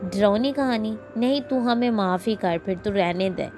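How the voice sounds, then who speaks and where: A woman's voice: medium pitch, normal speed, darkish tone, a little hiss or hum, natural voice. A woman voicing a jittery, timid young man. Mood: pleading. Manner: jittery, pleading.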